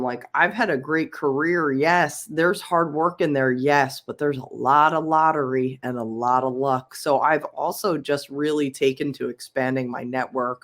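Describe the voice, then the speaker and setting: A talkative woman from Philadelphia chats as a podcast guest. She fills her sentences with ums and laughs easily as she explains her work. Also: a bass voice. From Philadelphia, USA. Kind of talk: casual interview chat.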